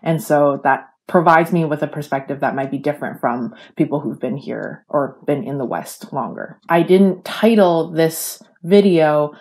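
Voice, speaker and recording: A woman's voice: sits low, expressive, moderate pace, hardly any pauses, darkish tone. A young adult woman who grew up in Canada, hosting an unscripted video essay and rambling with many fillers and restarts. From China, raised in Canada.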